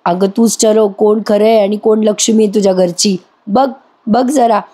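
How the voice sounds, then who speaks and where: A scornful, scheming older woman from a TV serial, accusing and cutting, read by a woman narrator. The voice stays mellow and sits at a middle pitch. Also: fairly even intonation, moderate pace, natural voice.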